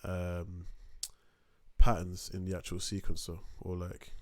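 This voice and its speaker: A young man talks through a beat-making tutorial in a very deep voice, filling gaps with ums and restarts. The sound is dry and close, with no room around it. He sometimes drifts away from his desk mic. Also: monotone, a little slow, a little mellow, no echo. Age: young adult. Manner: rambling, filler-heavy, self-interrupting. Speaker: music production tutor. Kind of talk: casual screen-recorded tutorial. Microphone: desk microphone, sometimes turned away from.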